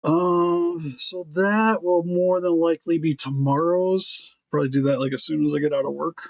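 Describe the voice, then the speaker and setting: Man, fairly high voice, dry close sound, easygoing work-along chat, thinks aloud. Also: normal speed, creaky, dry recording. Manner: relaxed, thinking aloud while sculpting. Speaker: figure customizer.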